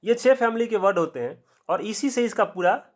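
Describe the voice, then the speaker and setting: A man with a Bihari accent giving an English grammar lesson in casual classroom style. He asks the viewer a question, answers it himself, and slows down to spell things out. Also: high voice, lively intonation. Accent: Bihari Hindi. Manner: drawn-out, spelled-out explanations. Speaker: English teacher.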